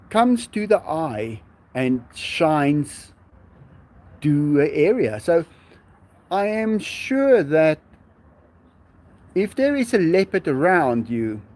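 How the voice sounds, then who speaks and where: A native Afrikaans speaker with a South African accent and a mid-range, darkish voice chats on a live stream outdoors as the sun sets. He answers viewers in a casual, musing, unhurried way, reading their questions aloud and chuckling.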